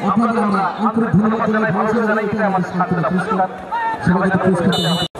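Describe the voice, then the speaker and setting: A man's voice: high voice, flat delivery, racing. A man giving effusive, wordy live football commentary and announcements to spectators. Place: outdoors at a local football match. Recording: echoing distant PA amid loud crowd. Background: loud crowd.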